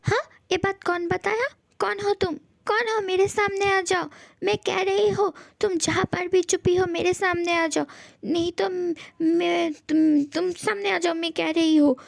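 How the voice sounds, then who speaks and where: A bossy, threatening young male ghost from a fan audio story, voiced by a woman. The voice sits high and gravelly, with dry, close sound. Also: fairly even intonation, unhurried, few pauses, darkish tone, no echo, heavily acted. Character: handsome young male ghost, possessive of his room.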